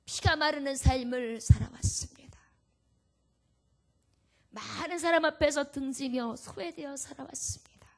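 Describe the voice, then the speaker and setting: A woman's voice: high-pitched, moderate pace, gravelly, pauses often, voice pushed up. Desperate trembling woman confessing , put on by a woman preacher, whisper-broken pleading.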